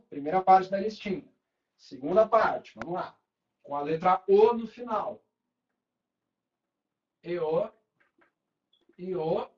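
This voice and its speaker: A male teacher with a Brazilian Portuguese accent, giving a grammar lesson at a board, drawing out key words slowly and often checking in with the students. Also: high-pitched, darkish tone, dull audio.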